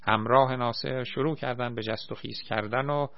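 A man reading a war memoir aloud in a measured, plain storytelling manner, in a dry, slightly muffled recording. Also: medium pitch, steady tone, creaky, no echo.

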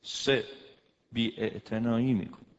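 A man giving a lecture of marriage advice as a family counselor, emphatic, acting out quoted husbands and wives with big swings in pitch and loudness. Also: steady tone, a little hiss or hum. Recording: dull, lo-fi recording with long hall reverb.

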